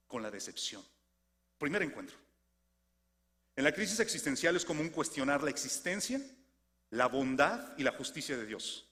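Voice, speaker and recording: A man with a Mexican Spanish accent preaching a sermon, swinging from lively questions to soft, low emphasis. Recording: long hall reverb.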